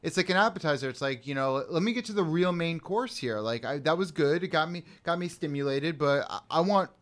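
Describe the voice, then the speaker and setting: Man, young adult, podcast regular, blunt, animated, fairly high voice. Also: brisk. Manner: blunt, animated storyteller who acts out voices. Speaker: podcast co-host. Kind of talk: casual chat.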